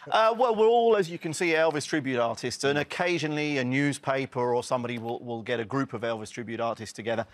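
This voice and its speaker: A man's voice: mid-range voice, no room sound. A man in his thirties, a quiz contestant, chatting casually and explaining at length. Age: 30s. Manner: chatty, rushes through explanations. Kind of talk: casual chat.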